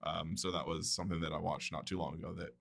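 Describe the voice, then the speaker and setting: A man's voice: sits low, flat delivery, fast, creaky, a bit bright, slightly rough. A man co-hosting a casual podcast, speaking hesitantly with lots of ums and uhs. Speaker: podcast co-host. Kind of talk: casual chat.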